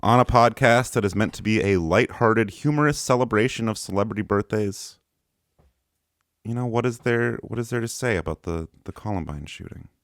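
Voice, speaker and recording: A man's voice: fairly low pitch, normal speed, no room sound, studio quality. A man hosting a podcast, joking around in casual chat and giving playful word clues. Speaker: podcast host.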